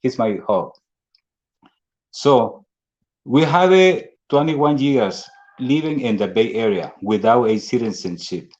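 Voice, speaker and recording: A man in his forties from El Salvador who speaks Spanish natively, giving an earnest personal speech in halting English with a Salvadoran Spanish accent. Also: medium pitch, expressive, darkish tone. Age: 40s. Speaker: speaker at a fundraising dinner. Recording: dull lo-fi audio.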